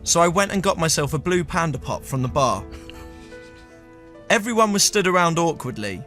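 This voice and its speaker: A man hosting a comedy podcast, telling a funny personal story in a dry, deadpan way and stumbling a little when teased. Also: a little high, moderate pace, faint music behind. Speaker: storyteller host. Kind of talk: comic storytelling with banter.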